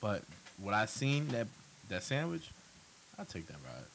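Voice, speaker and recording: A man's voice: fairly low pitch, a little slow, vocal fry, a little hiss or hum. A man telling stories in a casual group chat, laughing often. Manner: animated storyteller, laughs a lot. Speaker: co-host.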